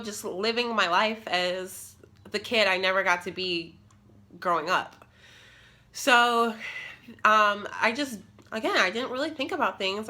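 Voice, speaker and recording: A vlogger in her twenties sits on her living room floor, telling a personal story in a casual, rambling way with many fillers. Her mid-range voice is pushed and bright, yet nasal and congested from a cold.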